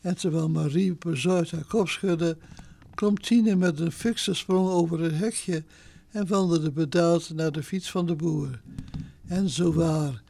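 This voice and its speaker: A woman reading a children's story aloud, telling it slowly and gently. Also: on the low side, gravelly, no echo.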